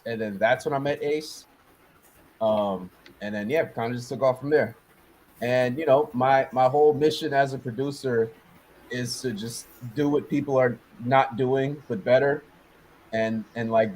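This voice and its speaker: A man's voice: mid-range voice, a little mellow, slight background noise, poor audio. Rambling man from New York, producer. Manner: loose, rambling, many fillers and restarts. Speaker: music producer. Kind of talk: casual interview chat.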